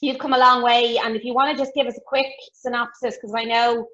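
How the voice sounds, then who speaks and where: A woman's voice: a little high, level tone, a little fast, sharp tone. A woman with an Irish accent hosting a casual interview, chatty and friendly, with hesitant fillers. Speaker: host. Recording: dull lo-fi audio.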